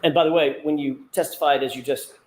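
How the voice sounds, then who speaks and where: A man's voice: fairly high pitch, steady tone, fast talker, slight background noise, poor audio. Man cross-examining in a courtroom. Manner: pointed, methodical leading questions. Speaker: defense attorney cross-examining a witness.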